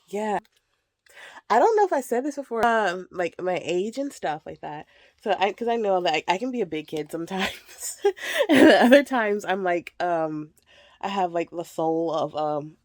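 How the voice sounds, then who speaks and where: A woman in her thirties vlogs casually from a child's bedroom while packing clothes, her lowish voice slightly nasal from a cold. She rambles, laughs a lot and leans heavily on "like" and "um" in this casual chat, and the recording is dry.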